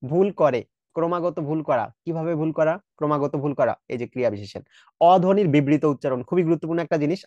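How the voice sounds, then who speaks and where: A man with a Bangladeshi Bengali accent teaches an exam prep lesson, walking through it step by step, posing rhetorical checks, sounding out how words are pronounced, and mixing in English words. His voice is mid-range with a darkish tone, in a muffled recording with no echo.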